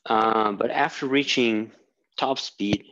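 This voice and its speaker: A man's voice: fairly low pitch, takes it slowly, bright, forceful tone, highs cut off. A man teaching physics at a whiteboard, thinking aloud with fillers and restarts as he draws. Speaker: physics instructor. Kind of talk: whiteboard lecture. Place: small room at a whiteboard.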